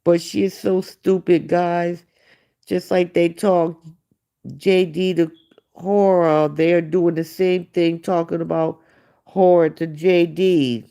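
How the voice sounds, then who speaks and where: A woman's voice: lowish voice, level tone, takes it slowly, vocal fry, dark tone, clean tone. A woman hosting a livestream, giving casual gossip commentary in a blunt, profane way and talking back to her viewers. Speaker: livestream host.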